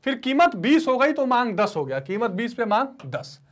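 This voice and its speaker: A man's voice: very high-pitched, sing-song, normal speed. A male economics teacher giving an online lecture, mixing in English terms and voicing his students' replies before answering them himself. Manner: call-and-response teaching, asks students to repeat terms.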